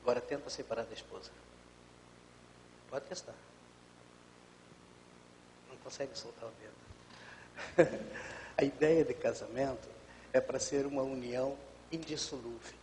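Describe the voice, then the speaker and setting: A man in his fifties, a pastor, explaining calmly on a live TV talk show. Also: medium pitch, unhurried, pauses often, big-room sound, a little hiss or hum, low-quality recording.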